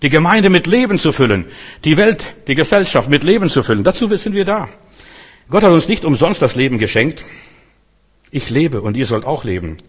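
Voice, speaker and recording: A man preaching a sermon with a fairly high voice. He drives points home by repeating phrases, rising to loud calls and then dropping low and soft. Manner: emphatic preaching, repeating phrases, many pitch swings. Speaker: pastor.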